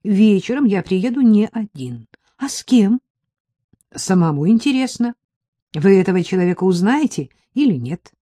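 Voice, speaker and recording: A quick, teasing grown man speaks over the phone, put on by a woman reading an audiobook. His voice sits warm and dark with a slight husk. The sound is close and dry. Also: medium pitch, very animated, no echo. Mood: teasing, upbeat. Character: brisk, cheerful adult man on the phone. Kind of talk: audiobook narration.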